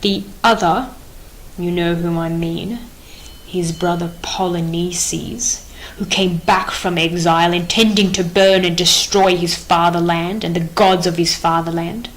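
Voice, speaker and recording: A woman's voice: on the low side, steady tone, unhurried, a little hiss or hum, natural voice, rough recording. A woman reading the part of a stern, unbending male king in an audiobook play, grave and declamatory in manner.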